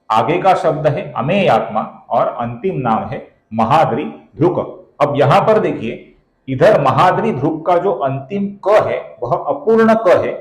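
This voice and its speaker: Patient male teacher, fairly high voice, very slow and deliberate delivery, roomy echo. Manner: slow and deliberate, stretching out syllables when he chants; addresses viewers as friends, explaining step by step. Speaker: teacher of Sanskrit verse pronunciation. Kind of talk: slow, careful recitation lesson.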